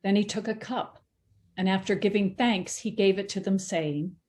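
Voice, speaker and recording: Woman calmly narrating scripture. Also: mid-range voice, moderate pace. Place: church sanctuary.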